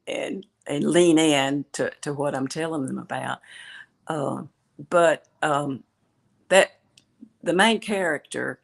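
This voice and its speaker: An older woman with a Southern accent chats as a novelist guest on a video call, telling her stories in a relaxed way. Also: low voice, vocal fry. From West Tennessee. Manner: chatty storyteller. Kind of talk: casual chat.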